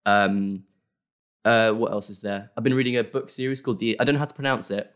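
Young guy, lowish voice, loose rambling guest chat, full of "like" and "um". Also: steady tone, a little fast, a bit bright. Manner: rambling, many fillers and self-corrections. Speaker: guest creator. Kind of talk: casual interview.

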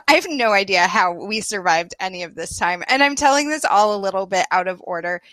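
A woman in her thirties telling a story in a casual conversation, animated and self-deprecating, often laughing. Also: mid-range voice, fairly quick, no echo. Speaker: guest.

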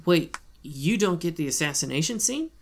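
A podcast co-host with a gravelly, somewhat high voice chats loosely at a normal speed, his intonation lively. He's talking casually, filling his speech with plenty of fillers and side remarks.

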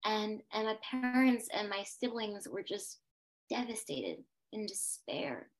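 A woman's voice: mid-range voice, big pitch swings, slow pace. A young adult woman, a podcast guest, telling a personal story with intense emphasis and repeated phrases.

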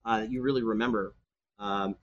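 A man narrating a tabletop game as game master on a live stream, animated and quick to exclaim. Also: fairly low pitch, lo-fi sound.

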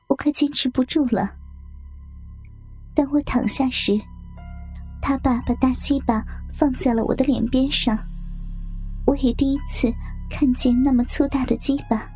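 A young woman reading a story aloud in hushed, intimate whispered narration. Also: high-pitched. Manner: hushed, intimate, breathy delivery.

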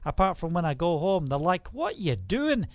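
A middle-aged Scottish preacher reads scripture aloud and then explains it, posing questions to his listeners and answering them himself. His high voice is very animated and moves at a normal speed. The studio recording is clean, with no room sound.

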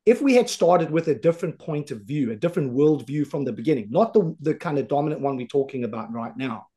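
A South African-accented man hosting a podcast, candid and thoughtful in conversation. His tone is mellow and warm. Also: fairly high pitch, animated, fast. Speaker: podcast host.

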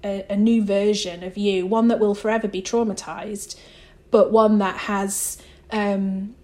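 A woman's voice: mid-range voice, little pitch movement, unhurried, warm tone. A woman author and theologian answering interview questions in a reflective way, thinking aloud as she goes.

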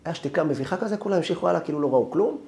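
Rabbi telling a lively story. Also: male voice, a little high, creaky. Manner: animated first-person storytelling. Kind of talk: sermon storytelling.

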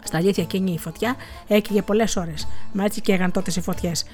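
Woman reading a story over music. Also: mid-range voice. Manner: lively, with small slips and restarts. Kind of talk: reading aloud from a novel.

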